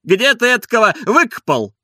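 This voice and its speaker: A man's voice: high-pitched, sing-song, moderate pace, sharp tone, no room sound, studio quality, voice pushed up, full character voice. A man voicing a sneering, quarrelsome coachman in an audiobook, sarcastic and mocking. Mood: jeering. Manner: sarcastic, jeering.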